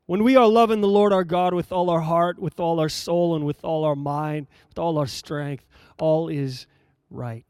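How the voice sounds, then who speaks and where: A man preaching a sermon, reading scripture aloud and explaining it in a measured, emphatic way, repeating phrases for effect. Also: on the high side, a little mellow, clean tone, dry recording, studio quality.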